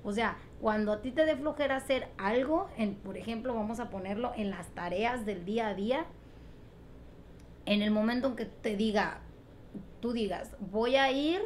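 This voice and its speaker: Woman vlogger, mid-range voice, earnest motivational delivery, faint noise underneath. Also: mid-range voice. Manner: emphatic, repetitive, asks rhetorical questions. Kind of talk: motivational talk to camera.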